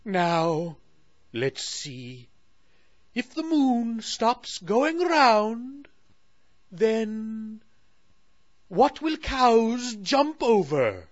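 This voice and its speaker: A man's voice: high-pitched, very animated, pitched above the performer's own voice, exaggerated voice. A man voicing the huffing Moon Queen. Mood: dramatic. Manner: huffy, slow and dramatic. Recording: dull, dry lo-fi recording.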